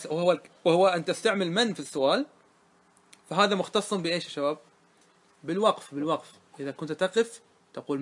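A man's voice: high voice, fairly bright tone. A man teaching grammar in a classroom lesson, quizzing his students again and again. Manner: quizzing students with repeated questions.

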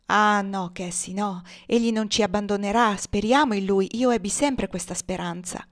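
A woman reading the part of a gentle, childlike young woman, soft and pleading in a storybook reading. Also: mid-range voice, moderate pace, lightly acted. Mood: tender pleading.

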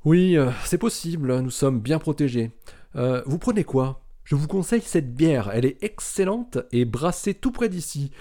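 A man reading the part of a calm, friendly undercover astronaut with a breezy manner. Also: on the high side, normal speed, lightly acted. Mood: casual.

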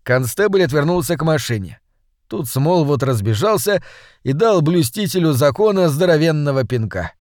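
A man narrating a novel as an audiobook reader in an even storytelling manner. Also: on the high side, moderate pace, dry recording. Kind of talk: scripted narration. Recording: dry close studio sound.

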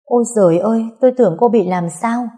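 Woman voicing a brisk, bossy older mother-in-law. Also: lowish voice, mellow, slightly rough. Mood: flustered. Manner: bossy, scolding.

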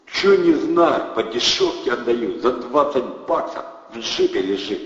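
A man voicing a loud, brash young male hustler who bellows in slang. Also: medium pitch, very animated, a little slow, echoey room, long reverb tail, lo-fi sound, pitched above the performer's own voice. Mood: boisterous.

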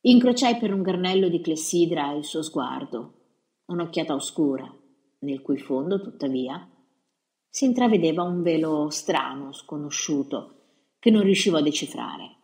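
A woman reading a historical novel aloud in the first person with a measured, dramatic delivery. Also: low-pitched, animated, darkish tone. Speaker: audiobook reader. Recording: roomy echo.

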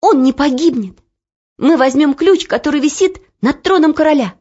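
A woman voicing a lively, bold young girl page in an audiobook. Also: high voice, normal speed, lo-fi sound, pitched above the performer's own voice, natural voice. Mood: eager.

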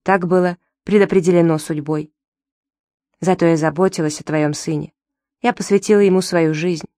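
A woman's voice: on the low side, fairly even intonation, moderate pace, mellow, dry recording, close to an everyday voice. A woman reading the part of an aging, guilt-ridden servant woman who speaks in a mournful, fatalistic way. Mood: defensive.

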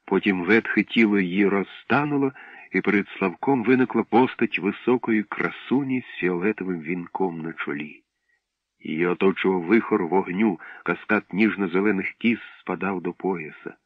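A man with a low voice narrates a story in a measured, expressive way. The recording is dull and lo-fi, close and dry, with no room sound. He reads steadily and clearly. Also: dry recording. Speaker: audiobook narrator.

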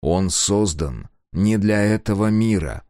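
A man voicing a grim, restrained young male warrior who speaks slowly and quietly. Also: animated, no room sound, studio quality. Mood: cold. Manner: slow, low, restrained.

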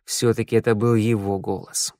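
A stern masked warrior with a lowered, measured voice, as a male narrator plays him. He speaks gravely and without hurry in an audiobook scene, recorded dry and close. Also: flat delivery, a little mellow, no echo, natural voice.

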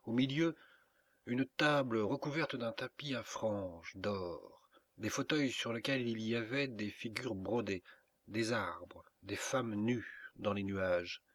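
Un lecteur de livre audio à la voix de hauteur moyenne, qui narre un conte avec une lenteur appliquée. La prise de son est proche et très sèche, sans aucune réverbération. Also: male voice, on the low side, a bit bright, no echo. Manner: measured, unhurried. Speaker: audiobook reader. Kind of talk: scripted narration.

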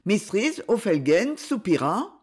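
Woman narrating a novel, animated. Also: medium pitch, slow pace, slightly rough. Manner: expressive, animated reading. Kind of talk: audiobook narration.

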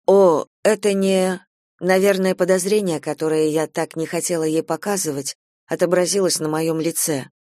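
A woman narrating a first-person literary story in a calm, measured, restrained way. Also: deep voice, no echo, studio quality. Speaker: audiobook narrator.

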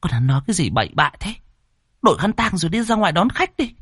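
An irritated mother snapping at her son in a quick, high, sharp voice, as a male narrator acts her out. She sounds curt and fast in a dry, close audio story. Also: very animated, husky, no room sound, full character voice. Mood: angry. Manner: sharp scolding. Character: busy irritated mother in mourning.

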